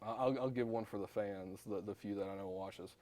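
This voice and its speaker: A man's voice: fairly low pitch, fast talker, warm tone. A young man co-hosting a casual chat, joking and teasing. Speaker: co-host.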